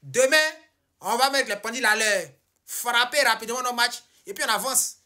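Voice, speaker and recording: A woman's voice: a little high, moderate pace, bright, forceful tone. A woman fan of a rival club taunting and scolding opposing supporters.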